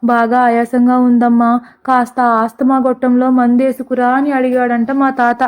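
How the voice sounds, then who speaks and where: A woman's voice: on the high side, completely flat delivery, moderate pace, a little mellow, natural voice. A woman voicing a foolish, weepy male chauffeur in a comic story. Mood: whining. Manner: whiny, sobbing.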